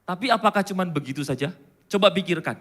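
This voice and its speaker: A pastor preaching in church, joking and chatting with the congregation between points. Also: male voice, high voice, expressive, quick pace, a bit bright. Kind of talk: sermon.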